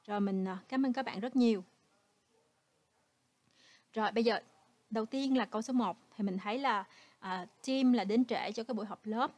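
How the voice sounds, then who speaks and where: A Vietnamese-speaking woman teaches English, patiently working through an exam one question at a time. Her voice sits a little high. It is recorded close and dry, with no room sound. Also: normal speed, long pauses, darkish tone, dry recording. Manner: patient, explains step by step, ends phrases with "ha". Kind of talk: exam walkthrough lesson.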